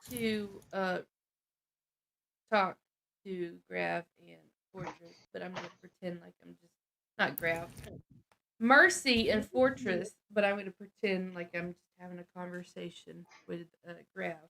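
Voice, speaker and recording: A woman's voice: on the low side, fairly even intonation, measured pace, creaky, pushed and bright, slight background noise, poor audio. A woman playing a tabletop game in casual talk, thinking aloud with hesitations. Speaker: player.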